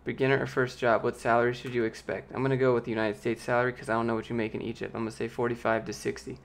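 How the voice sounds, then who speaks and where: He's a man in his late twenties whose light, youthful voice sometimes squeaks and turns creaky, and he talks in rapid-fire bursts. On a casual live stream he rambles in a relaxed way, reading viewer questions aloud and responding. The setting is a small home office, with a large studio mic and pop filter placed close.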